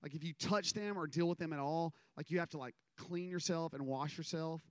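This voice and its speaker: A man's voice: on the high side, fairly quick, dry recording. A man, giving a casual, rambling sermon full of stories and self-deprecating asides. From American South. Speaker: minister.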